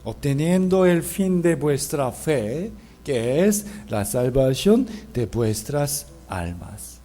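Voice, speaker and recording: In a church Bible seminar, a man preaches with a warm, medium-pitched voice that moves slowly in a sing-song rhythm. He poses rhetorical questions and leads the congregation in reading scripture aloud.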